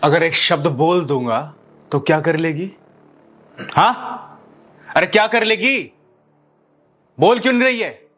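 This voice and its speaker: A man's voice: on the high side, slow, pauses often, breathy edge, heavily acted. A man playing a harsh, domineering husband who orders people about and talks with scorn, in a family drama skit. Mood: angry. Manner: shouting, rude, commanding.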